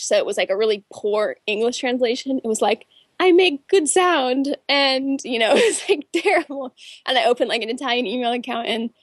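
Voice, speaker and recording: A woman's voice: a little high, dry recording, clean studio sound. A young woman, a film director, answering interview questions in a chatty storytelling way with many fillers.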